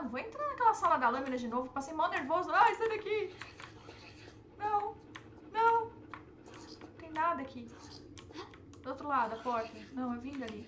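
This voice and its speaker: A young woman, streaming herself playing a game and reacting with excitable, panicky outbursts. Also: high-pitched, a little hiss or hum. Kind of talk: live gameplay commentary.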